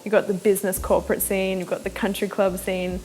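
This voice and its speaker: A woman's voice: medium pitch, level tone, a little fast, darkish tone, low-quality recording. A woman giving an enthusiastic interview answer, listing things one after another.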